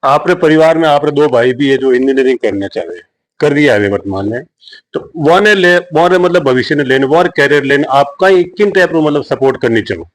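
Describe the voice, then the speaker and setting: A man's voice: a little high, animated, brisk, rough recording. A man asks long, rambling questions in a local news interview.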